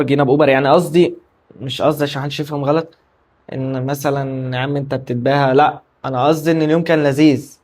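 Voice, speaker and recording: A man's voice: mid-range voice, a little mellow. A man with an Egyptian Arabic accent, telling his own story in a casual confessional vlog. He rambles, repeats himself and breaks off mid-word, sounding tired and anxious. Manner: rambling, repetitive, candid, trails off mid-word. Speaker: vlogger.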